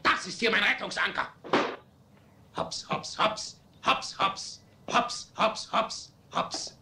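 A man dubbing a hot-tempered, middle-aged rich father in a German film, ranting in shrill, theatrical outbursts. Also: sing-song, moderate pace, sharp tone, heavily acted. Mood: raving. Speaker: dubbed film actor.

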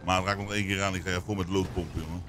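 A man improvising a character in a crime role-play game, teasing and joking with animated banter. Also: sits low, very fast, noisy background.

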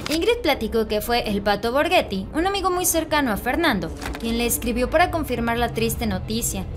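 A woman narrating celebrity news as a scripted voice-over, with a brisk, upbeat delivery. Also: fairly high pitch, expressive, music in the background. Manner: brisk, upbeat channel sign-off.

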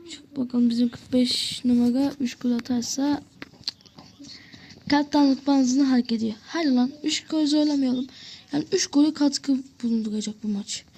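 Woman, high voice, mellow tone, casual gameplay commentary, excitable, swearing at the game. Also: slight background noise.

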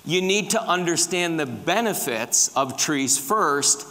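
A man's voice: on the high side, animated, takes it slowly, pushed and bright. A middle-aged man giving a conference lecture with slides, quizzing the audience as he goes. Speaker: conference speaker on tree pests. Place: large dark conference hall with a stage. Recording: reverberant conference hall.

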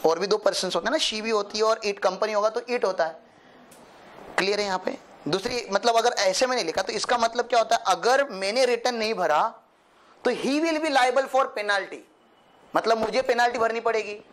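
A high, fairly bright male voice at normal speed, with a little hiss or hum, delivers a tax law lecture for accountancy exams, switching between Hindi and English. Step by step, he tests whether students follow using frequent tag questions. He's playful, voicing what students might ask and adding jokes.

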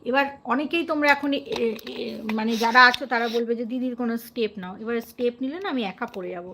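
A high-pitched woman from West Bengal talks to her live-stream viewers in a loose, conversational way. She is earnest and chatty and keeps asking them questions as she goes. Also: fairly quick, pushed and bright, a little hiss or hum.

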